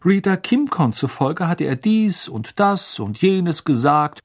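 A man narrating a children's fantasy audiobook with a steady, expressive reading. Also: on the high side, slow pace, no echo, studio quality. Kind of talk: scripted narration.

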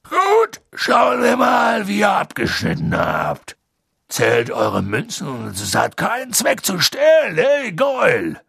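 A hulking, kind-hearted giant of a gamekeeper speaks in a low, husky growl full of gravel, as a male reader puts him on. His voice rolls up and down with lively swings. The recording is close and dry, with no room sound. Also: a little slow, no echo, full character voice. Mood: booming teacher. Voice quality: gravelly, husky, rough dialect-tinged speech.

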